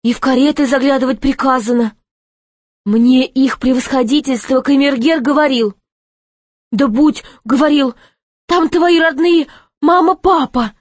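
A woman's voice: high voice, unhurried, no room sound, pitched above the performer's own voice. Lazy gate guard, drawling and long-winded, voiced by a woman. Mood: rambling. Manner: drawling, rambling.

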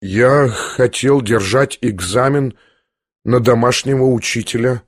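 A man voicing a gentle, timid young prince who speaks softly and haltingly. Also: mid-range voice, fairly even intonation, no room sound, clean studio sound, close to an everyday voice. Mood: tender. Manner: soft, hesitant, halting.

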